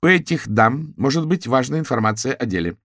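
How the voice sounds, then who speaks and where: A man's voice: mid-range voice, animated, brisk, fairly bright tone, no echo, clean studio sound, voice pushed up. A man doing an officious woman chairing a meeting. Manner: officious, calling for order.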